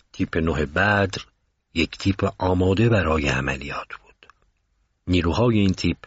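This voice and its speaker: Low-voiced male storyteller, calm and measured, dry, dull recording. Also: slightly rough, dry recording. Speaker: narrator. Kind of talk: scripted story narration.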